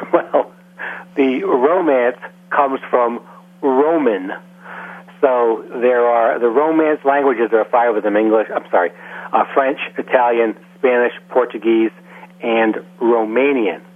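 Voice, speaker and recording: A man explaining language matters as a guest in a casual radio interview, measured and full of small fillers. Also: mid-range voice. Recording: phone-like, husky radio line.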